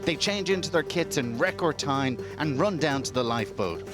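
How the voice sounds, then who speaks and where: A man's voice: on the high side, lively intonation, normal speed. A man reading scripted narration as a television reporter. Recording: voice-over with clear music bed.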